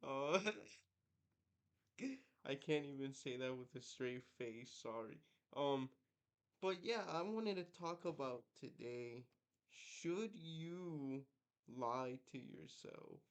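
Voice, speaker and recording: A man's voice: mid-range voice, lively intonation, takes it slowly, clean tone. A young man from Guatemala talking casually and reflectively to his viewers, with many ums and likes. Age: young adult. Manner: reflective, lots of fillers like um and like. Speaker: vlogger. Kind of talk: casual personal monologue.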